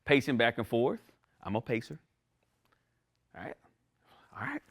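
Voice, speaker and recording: Lively man teaching a class. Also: mid-range voice, unhurried. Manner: animated, conversational, asks "right?" often. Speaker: instructor. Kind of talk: classroom lecture.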